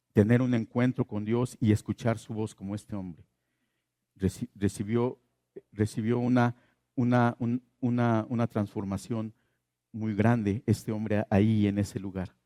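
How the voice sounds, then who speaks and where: A pastor delivering a sermon in a mellow, dark voice. He asks his listeners questions and circles back to repeat his key phrases. The sound is dry and close. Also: lowish voice, no room sound.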